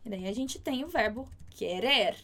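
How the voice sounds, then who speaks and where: A Brazilian woman teaching Spanish in an online lesson, explaining patiently and repeating words slowly so learners can practise. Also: a little high, animated, sharp tone. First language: Portuguese.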